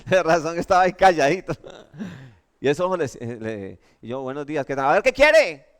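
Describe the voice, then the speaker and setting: A Colombian man preaching a lively sermon with humorous stories, often checking in with the congregation. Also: on the high side, a little fast, clear, resonant tone. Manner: animated, keeps asking the congregation "¿cierto?". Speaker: pastor. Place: church.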